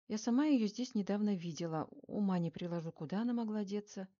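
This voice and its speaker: A woman's voice: mid-range voice, fast talker, warm tone, muffled recording, lightly acted. A woman reading an audiobook, voicing a nervous, evasive female clinic secretary with strained politeness. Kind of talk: audiobook character voice.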